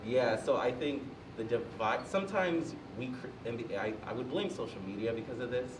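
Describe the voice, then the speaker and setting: A young adult man speaking as a student panelist in a casual discussion. He is thoughtful and hesitant, with many pauses and ums. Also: mid-range voice. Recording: echoey room, distant mic, noise.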